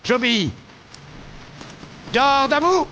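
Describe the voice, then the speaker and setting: Medieval game soldier, obedient, martial, clipped barks, very high-pitched, swooping intonation. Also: male voice, animated, takes it slowly, highs cut off, heavily acted. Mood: martial, eager. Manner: martial, clipped, shouted commands. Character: obedient, eager medieval soldier barking battle replies. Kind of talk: video game unit barks.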